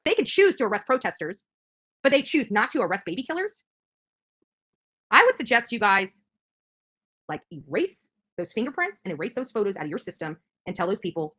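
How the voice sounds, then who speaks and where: Speaking briskly with long pauses, this middle-aged activist streamer delivers an indignant, confrontational rant directly to the camera and keeps hammering the same points. Her medium-pitched voice swings widely in pitch and sounds a bit bright.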